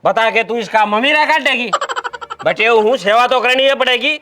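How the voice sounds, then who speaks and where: A man's voice: extremely high pitch, normal speed, noisy background. A man with a Haryanvi accent playing an argumentative, cheeky drunken son-in-law in a village comedy sketch. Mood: cocky, argumentative.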